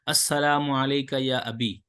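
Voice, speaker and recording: A man's voice: mid-range voice, fairly even intonation, a bit bright, clear, resonant tone. Male Arabic teacher, reads the lines, translates them, praises answers. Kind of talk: online Arabic lesson.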